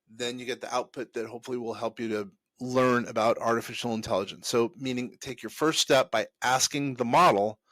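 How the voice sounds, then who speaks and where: A man of middle pitch talks straight to his listeners, giving business tips in a loose, chatty way. He restarts his sentences often and scatters fillers as he goes. The sound is dry and close, with no room echo. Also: a bit bright. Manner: conversational, rambling with many restarts and fillers. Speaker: host. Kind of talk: casual advice talk to camera.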